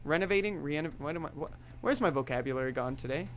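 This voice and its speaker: A man's voice: fairly high pitch, fast talker, slight background noise. A young man playing a video game for viewers, joking and reacting as he goes. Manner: jokey, animated, talks to viewers. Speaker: gaming YouTuber. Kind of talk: let's play commentary.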